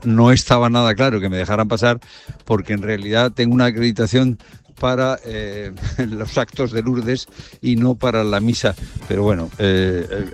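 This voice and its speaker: A man from doing street interviews and a live field report outdoors, chatty and conversational. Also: medium pitch. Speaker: radio reporter.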